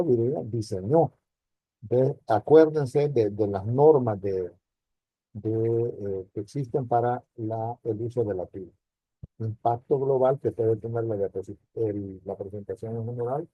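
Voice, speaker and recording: A man's voice: mid-range voice, no room sound, dull audio. A man teaching a university class, explaining step by step and checking in with rhetorical questions. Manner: explanatory, addresses students directly with rhetorical questions. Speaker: university lecturer. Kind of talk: recorded online class lecture.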